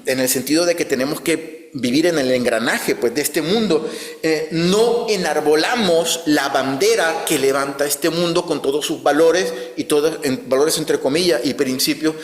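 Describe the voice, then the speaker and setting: A man's voice: a little high, normal speed. A man preaching a conversational sermon, often ending his phrases with a questioning tag. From outside Spain. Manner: frequent "¿no?" tag questions, restarts. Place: church hall. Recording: echoey church hall.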